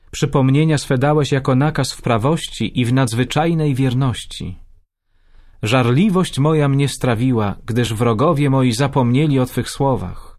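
A man reads scripture aloud in a solemn, measured way. His voice sits at an ordinary male pitch, neither deep nor high, and he reads every verse evenly. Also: darkish tone.

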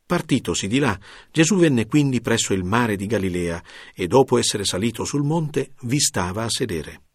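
A man narrating a scripture reading in a measured, even way. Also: fairly low pitch, slightly rough, no echo, studio quality. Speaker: scripture reader.

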